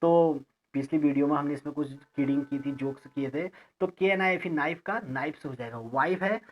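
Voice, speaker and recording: Man teaching English grammar, lo-fi. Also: a little high. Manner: explains slowly, spells words letter by letter, asks "ठीक है ना". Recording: lo-fi recording.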